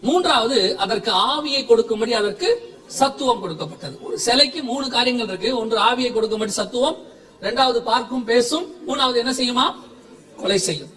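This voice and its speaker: A man with a Tamil accent preaching a lively sermon, often laughing as he asks the congregation questions. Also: very high-pitched. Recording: echoey hall from far off.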